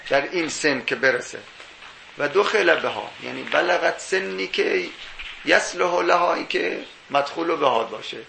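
A man's voice: fairly high pitch, expressive, creaky, sharp tone, roomy sound, slight background noise, poor audio. A man teaching Islamic jurisprudence in a seminary lecture. He explains step by step, quoting Arabic texts and posing rhetorical questions.

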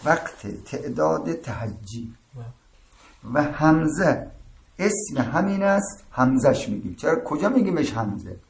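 Gravelly-voiced man lecturing in an echoey room. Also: fairly high pitch, big pitch swings. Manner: explaining with frequent checks "درست شد؟". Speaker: seminary teacher. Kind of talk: religious seminary lecture. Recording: echoey room with faint ambient noise.

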